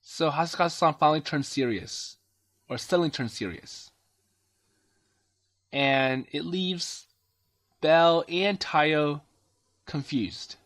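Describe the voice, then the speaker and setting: A man's voice: on the high side, takes it slowly, pauses often, a bit bright. Hesitant man narrating a game. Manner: hesitant, many fillers and restarts, paraphrasing dialogue. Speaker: let's play commentator. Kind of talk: casual game commentary, translating and summarizing the story. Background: game music.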